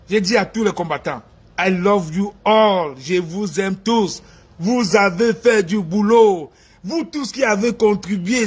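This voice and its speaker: A man, talking to his supporters in a casual live video, animated and laughing, slipping into Pidgin English. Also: high-pitched, breathy edge. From Cameroon. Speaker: activist addressing supporters.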